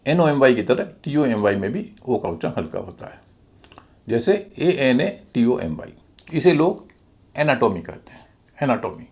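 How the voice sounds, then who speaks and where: A male teacher, his voice gravelly with fry. He moves between high and low pitch in a lively way. He spells out letters one by one, slowly and with care. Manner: slow, deliberate spelling out of letters and syllables. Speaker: English pronunciation teacher. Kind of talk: scripted lesson.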